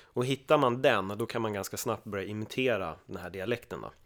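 Podcast guest, man from Sweden, animated storyteller who slips into other people's voices. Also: fairly low pitch. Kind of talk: casual podcast chat.

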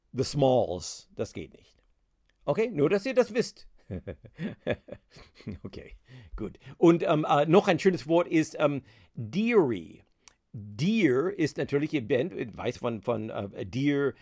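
A man's voice: fairly high pitch, darkish tone, dry recording, studio quality. A man hosting a podcast language lesson, explaining words patiently with many hesitant fillers. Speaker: podcast host teaching English. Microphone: podcast microphone.

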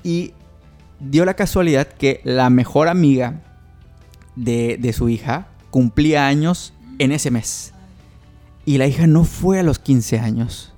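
A man's voice: medium pitch, slow pace, mellow, soft background music. A man with a Mexican accent, a therapist guest in a casual podcast chat, telling stories and acting out quoted voices. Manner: storytelling, acts out quoted voices, frequent restarts.

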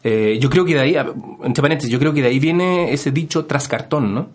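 Chilean male historian guest, radio interview, unhurried explainer, lots of "eh" and "¿no?", mid-pitched voice. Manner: explanatory, many fillers and hedging tags. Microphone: studio microphone.

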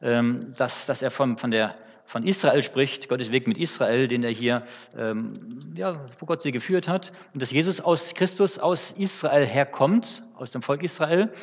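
Husky male preacher, halting teaching sermon, booming church reverb, muffled lo-fi sound. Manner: unscripted, halting with fillers and restarts. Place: church hall.

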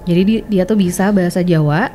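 A woman's voice: on the low side, fairly quick, warm tone. A woman from Indonesia co-hosting a podcast, casually retelling a listener's story and explaining as she goes. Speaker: podcast co-host. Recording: faint background noise and ambience.

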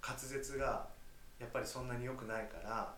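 A man's voice: medium pitch, fairly even intonation, a little fast, fairly bright tone. A man, an actor and interview guest, talking informally and thinking aloud with many fillers. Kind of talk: casual chat. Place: room in Paris. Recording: echoey room, faint hiss.

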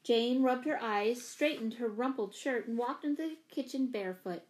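A woman narrating a children's novel in a clear, measured storytelling manner. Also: fairly high pitch, darkish tone, poor audio. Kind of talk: audiobook narration.

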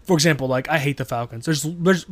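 Host type, male, slightly high voice, dry sound, profane and rambling. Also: quick pace, dry recording. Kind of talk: casual chat.

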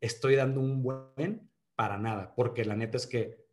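Steady in tone and at normal speed, this medium-pitched podcast guest is a thirty-something from Monterrey with the region's northern Mexican accent. His casual interview talk is full of restarts and fillers, starting earnest before turning to jokes.

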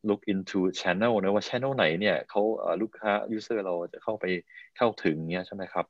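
A man's voice: fairly low pitch, moderate pace, dry recording. A man lecturing as a guest expert on a podcast, thoughtful and often repeating words as he thinks. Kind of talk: casual podcast talk. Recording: dull dry lo-fi recording.

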